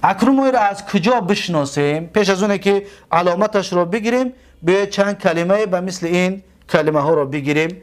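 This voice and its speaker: A man with a Tajik Persian accent teaching an Arabic grammar lesson, drawling out example words and answering his own questions. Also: high-pitched. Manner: asks questions and answers them himself.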